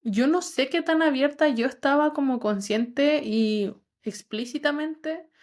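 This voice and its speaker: A young adult woman with a Chilean accent, a psychologist calmly explaining her views with many asides in a podcast chat. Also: high voice, measured pace. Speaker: psychologist guest. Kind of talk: casual podcast conversation.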